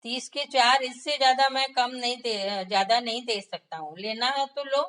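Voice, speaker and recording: An impatient coconut seller brushes off a haggler in a loud, firm storybook voice, as a woman puts him on. He is dismissive and set in his price. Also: on the high side, normal speed, pitched above the performer's own voice, natural voice.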